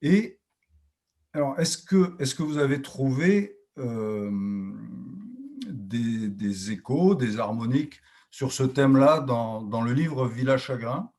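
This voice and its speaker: A man moderating a literary discussion panel, speaking haltingly with many fillers. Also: mid-range voice, expressive, a little mellow.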